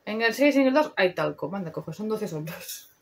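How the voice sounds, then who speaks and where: A woman's voice: mid-range voice, lively intonation, brisk. A young woman with a Spain Spanish accent, chatting casually and slangily through a makeup review, swearing freely. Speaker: beauty vlogger.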